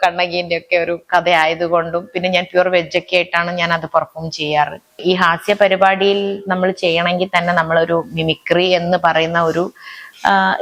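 A woman's voice: on the low side, fairly bright tone. A woman, a mimicry artist, talking in an interview, telling stories in a chatty way with frequent restarts. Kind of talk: interview chat.

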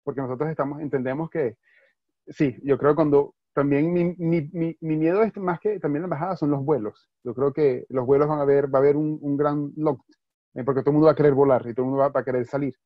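A man's voice: a little high, steady tone, quick pace, no echo. A man from Venezuela with a Venezuelan accent, a university advisor answering questions in a webinar, reassuring and slipping in English words. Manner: reassuring, mixes in English words, restarts often. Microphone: video call. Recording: dry, slightly dull video-call audio.

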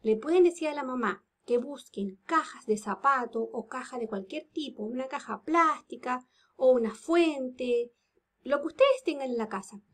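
A woman teaching kindergarteners from home, speaking in a slow sing-song and drawing words out syllable by syllable. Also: sits high. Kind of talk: remote lesson for young children.

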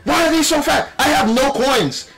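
A man giving animated, playful gameplay commentary with exclamations and trash talk, speaking with a retainer in his mouth. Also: very high voice, moderate pace, soft background music, poor audio. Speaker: gaming video host. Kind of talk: excited live gameplay commentary.

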